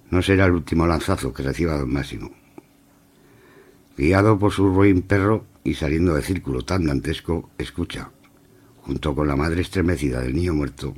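A man presenting scripted literary commentary on radio in an ornate, declamatory manner with a husky voice. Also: very deep voice.

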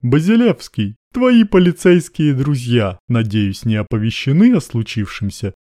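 A man's voice: medium pitch, sing-song, a little slow, mellow, no room sound. A man voicing a cool, commanding male major with dry irony in an audiobook. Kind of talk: audiobook narration.

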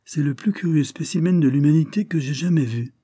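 A man voicing a shrewd gentleman who questions people calmly and firmly. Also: a little high, breathy edge, dry recording, pitched above the performer's own voice. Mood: probing. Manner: measured, questioning, firm. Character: shrewd gentleman adventurer, calm, probing.

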